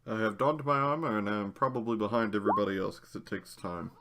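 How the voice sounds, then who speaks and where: A man's voice: on the low side, fast, background noise. A man playing a tabletop game, making dry, wry remarks in character. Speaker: player. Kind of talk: casual in-character play.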